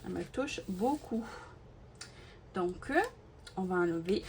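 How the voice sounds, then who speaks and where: Slow and lowish in pitch, this woman chats informally with her YouTube audience about crafting as she unboxes and gushes, repeating words and filling pauses often. Clicks and a steady noise hum underneath.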